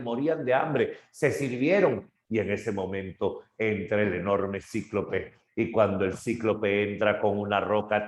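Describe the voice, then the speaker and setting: A male literature teacher retelling a story dramatically, shifting his pace and loudness, in an echoey room. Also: on the low side. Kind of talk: lively story retelling in a lesson.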